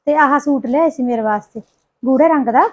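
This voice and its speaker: A woman's voice: high-pitched, a little fast, a little mellow, lo-fi sound. A woman playing a chatty scheming sister-in-law. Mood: coaxing. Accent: Punjabi. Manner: chatty, coaxing, scheming asides. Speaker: sister-in-law in a short film. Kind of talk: village family drama acting.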